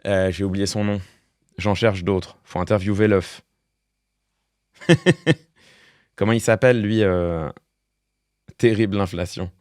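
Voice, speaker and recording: A man's voice: fairly low pitch, slow pace, pauses often, a little mellow, dry recording, studio quality. A man streamer giving casual live-stream commentary, thinking aloud with fillers and restarts. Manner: talks through thoughts with fillers and restarts, wry laughs.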